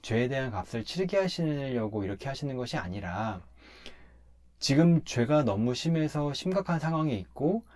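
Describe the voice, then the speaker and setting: Speaking at a moderate pace in a medium-pitched voice, a pastor explains a Bible passage step by step. His manner is relaxed and conversational, yet emphatic.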